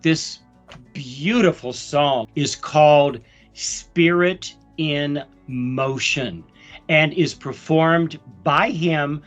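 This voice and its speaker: A man's voice: fairly high pitch, drawn-out words, fairly bright tone, faint music behind. A man co-hosting a podcast over a video call, asking the guest questions in a playful, joking way. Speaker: podcast co-host. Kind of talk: casual interview questioning.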